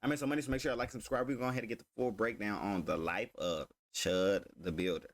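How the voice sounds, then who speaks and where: A man's voice: lowish voice, steady tone, fast talker. Slangy man hosting a reaction video. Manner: slangy, loose and chatty. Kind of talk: casual reaction commentary.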